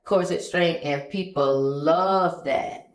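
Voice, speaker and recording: A woman in her thirties, a business owner telling stories in a relaxed, conversational interview chat. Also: on the low side, slow. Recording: echoey room.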